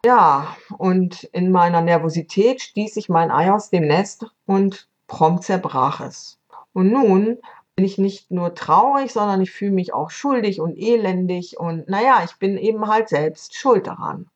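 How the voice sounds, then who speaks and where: A woman voicing a distressed female parrot who is proud and sharp-tongued, talking in a complaining, self-pitying way. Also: medium pitch, unhurried, lo-fi sound, natural voice. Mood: remorseful.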